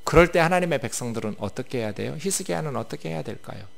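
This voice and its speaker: A man's voice: mid-range voice, expressive, quick pace, creaky. A male pastor giving a sermon, explaining a passage and asking the congregation questions.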